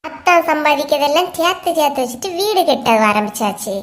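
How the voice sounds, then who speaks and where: A woman's voice: high-pitched, animated, brisk. A woman voicing a resentful middle-aged sister-in-law in a cartoon story, complaining through a long list of grievances in a Kanyakumari Tamil accent. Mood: aggrieved.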